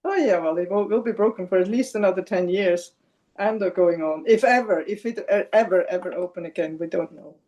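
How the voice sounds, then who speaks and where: An older woman from Switzerland talks with a podcast host about her life. Her voice is mellow and dark-toned, and she pauses on fillers as she gathers her thoughts. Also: lowish voice. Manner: chatty, with hesitant fillers. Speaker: podcast guest. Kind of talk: casual interview chat.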